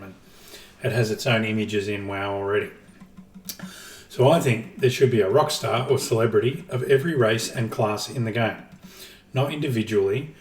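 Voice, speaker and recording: A man co-hosting a casual gaming podcast, explaining his ideas at length with dry jokes. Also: lowish voice. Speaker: podcast co-host. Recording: roomy, distant from the mic.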